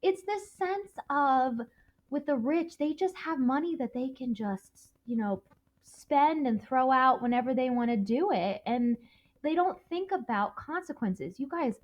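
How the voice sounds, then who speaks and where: This recorded lesson review has dull lo-fi audio. A female English teacher with a high, slightly mellow voice chats through a novel with her class, asking "okay?" over and over.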